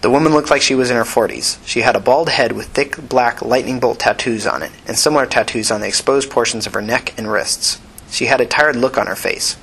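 A man narrating an audiobook in a steady, even reading voice. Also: medium pitch, fairly quick, gravelly, breathy edge, low-quality recording.

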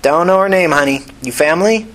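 A man's voice: on the high side, animated, a little fast, fairly bright tone, pitched above the performer's own voice. A man voicing a tired, brusque middle-aged woman nurse behind a window. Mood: curt. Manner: curt, businesslike.

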